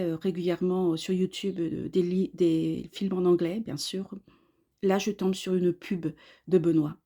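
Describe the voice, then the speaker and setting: A woman in her fifties from Australia, giving an earnest personal testimonial in short, halting phrases. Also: on the low side, mellow. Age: 50s. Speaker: course student giving a testimonial.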